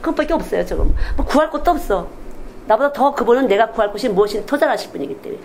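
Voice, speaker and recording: A woman's voice: fairly high pitch, racing, slight background noise, poor audio. A woman missionary preaching a Sunday sermon in a candid, confessional way, often acting out quoted speech. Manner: animated, acts out quoted speech in different voices.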